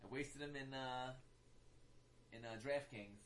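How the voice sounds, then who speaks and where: A man talks sports in a loose, chatty way, trailing off and restarting his sentences as he gets worked up. His voice sits at an ordinary middle pitch. A faint hiss of noise runs underneath. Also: measured pace, poor audio. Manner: animated, ranting, many fillers and restarts. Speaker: fantasy football podcast co-host. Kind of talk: casual chat.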